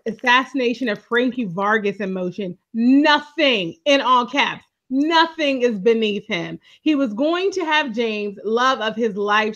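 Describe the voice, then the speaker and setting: A woman's voice: fairly high pitch, sharp tone. A woman co-hosting a casual TV recap podcast, telling the story expressively and laughing often. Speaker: podcast co-host. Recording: dull lo-fi audio.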